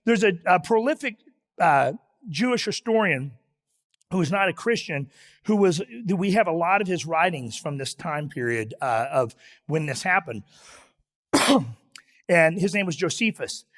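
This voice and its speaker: High-voiced conversational pastor preaching. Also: male voice, animated, measured pace, pauses often, a bit bright. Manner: conversational, self-deprecating, with restarts and asides. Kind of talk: sermon.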